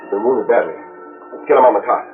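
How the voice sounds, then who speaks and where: Guy acting a firm kindly cowboy hero, lowish, quick delivery, old narrow-band radio drama. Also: lightly acted. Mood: concerned, firm. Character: steady, commanding male western hero, kindly to the wounded. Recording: tinny old radio recording, music behind.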